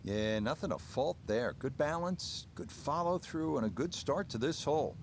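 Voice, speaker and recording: A man giving golf commentary as the play-by-play announcer, speaking in short, measured observational phrases. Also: fairly high pitch, expressive, a little hiss or hum.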